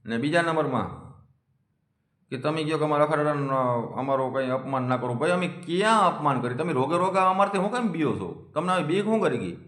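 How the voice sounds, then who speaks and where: A man's voice: a little high, animated, a little fast, a bit bright. A man, speaking a defiant, scolding monologue that challenges his critics. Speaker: community vlogger. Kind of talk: confrontational monologue. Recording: echoey room.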